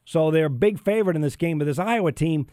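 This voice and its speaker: A man's voice: on the high side, fast, mellow, no echo, studio quality. A man giving football betting commentary on the radio, an emphatic, statistics-heavy breakdown. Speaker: sports betting analyst.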